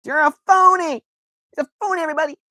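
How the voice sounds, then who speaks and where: A man doing a shrill jeering accuser. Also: fairly even intonation, fast talker, no room sound, studio quality, exaggerated voice. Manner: shouted accusations.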